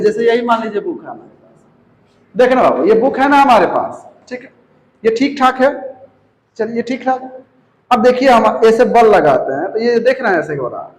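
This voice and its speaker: A man with a very high voice teaches a physics class in a roomy space that echoes. He speaks with a touch, keeps repeating key terms and quizzing students. He calls the students "babu". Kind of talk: classroom lecture. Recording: echoey room.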